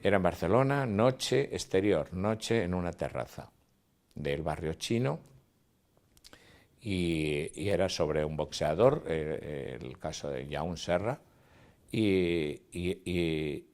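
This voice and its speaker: A man's voice: sits low, lively intonation, takes it slowly, a little mellow. An older man, a cinematographer telling stories in an interview, acting out dialogue and sounds. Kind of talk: interview reminiscence.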